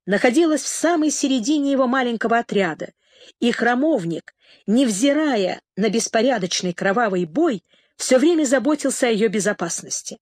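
A woman narrating a novel in a measured, even reading voice as an audiobook narrator. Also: on the high side, no echo, clean studio sound.

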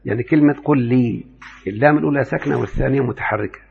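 A man with an Egyptian accent teaching a lesson from a set text, calling on his students and repeating example words slowly. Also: medium pitch, gravelly, husky, long reverb tail, narrow, tinny audio. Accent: Egyptian Arabic. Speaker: Arabic morphology teacher. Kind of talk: classroom lesson explaining a text.

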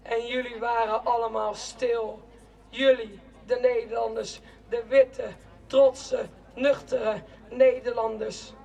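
A young woman giving a protest speech in a slow, declamatory spoken-word style, with shouted chants between lines. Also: fairly high pitch, flat delivery, vocal fry. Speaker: rally speaker. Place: outdoor city square at a demonstration. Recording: distant outdoor rally recording.

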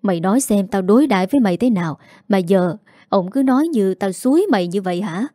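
A woman voicing a quarrelsome, greedy middle-aged mother who scolds fast and sharply. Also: medium pitch, animated, warm tone, no room sound, studio quality, lightly acted. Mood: angry scolding.

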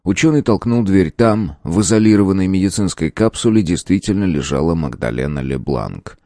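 A man narrating an audiobook in an expressive storytelling manner. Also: sits low, brisk, dry recording, studio quality.

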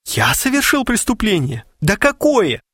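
A man doing a shrill, panicky stammerer. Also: huge pitch swings, a little slow, fairly bright tone, husky, no room sound, studio quality, exaggerated voice. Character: frightened nervous middle-aged man, whiny and tearful. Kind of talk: audiobook character voice.

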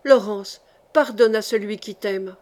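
A woman voicing a guilt-broken medieval duke in an audiobook, groaning and pleading in a low murmur. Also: a little slow, darkish tone, natural voice. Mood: anguished. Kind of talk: audiobook reading.

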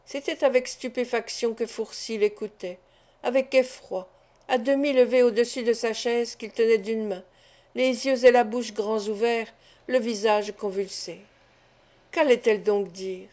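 A woman narrating an audiobook of a classic novel in a calm, even storytelling manner. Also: a little high. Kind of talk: scripted literary narration.

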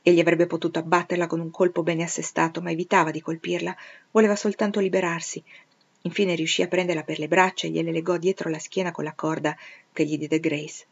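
A woman's voice: on the low side, flat delivery, fast talker, husky. Woman reading a novel aloud, lo-fi. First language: Italian. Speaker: audiobook reader. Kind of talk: literary reading. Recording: dull lo-fi recording.

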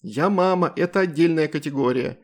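A man's voice: on the high side, a little fast, pitched above the performer's own voice, close to an everyday voice. Man putting on a scolding demon mother. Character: angry demon mother, scolding her daughter.

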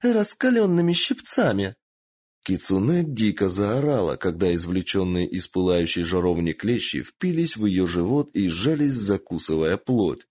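A man narrating a dark fantasy audiobook in an expressive storytelling manner. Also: low-pitched, normal speed, few pauses. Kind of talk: dramatic fiction narration.

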